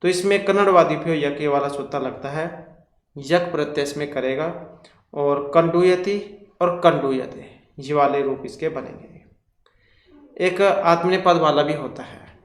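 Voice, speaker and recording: A man's voice: on the high side, reverberant. A man teaching an exam-prep grammar lesson, explaining each question step by step and reeling off lists of terms.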